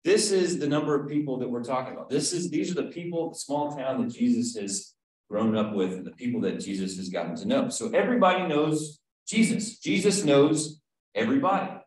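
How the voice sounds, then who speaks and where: A man's voice: mid-range voice, lively intonation, fairly quick. Man, Bible study teacher, conversational, quizzes group, video call, very echoey room. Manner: conversational, asks the group questions, frequent "right?".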